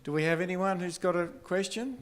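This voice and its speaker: A man's voice: sits high, fairly quick. A man moderating a conference session and encouraging the audience to ask questions.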